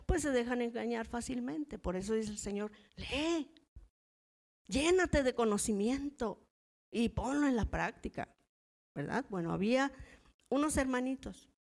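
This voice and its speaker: Mexican woman preaching, higher-pitched. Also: lively intonation, a little slow, vocal fry, a little mellow. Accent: Mexican Spanish. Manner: conversational, asks the audience for agreement. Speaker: church teacher. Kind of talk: sermon with personal stories. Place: church hall.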